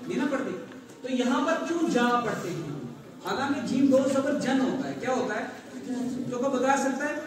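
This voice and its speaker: A male teacher with a Pakistani Urdu accent, spelling out letters, chanting verses slowly and quizzing pupils by name in a classroom lesson. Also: very high-pitched, animated, a crowd in the background. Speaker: Quran recitation teacher. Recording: echoey distant room with noise.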